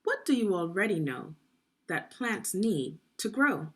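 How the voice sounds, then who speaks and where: A woman narrates a guided read-along for children in a medium-pitched, sing-song voice, taking her time. She speaks clearly and instructively, putting questions to her young listeners.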